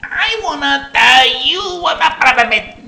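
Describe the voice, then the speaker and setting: A man voicing an indignant caller who speaks broken English, pitched high with whiny, drawn-out words. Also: lively intonation, creaky, bright, forceful tone, full character voice. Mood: shrill outrage. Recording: roomy echo, faint noise.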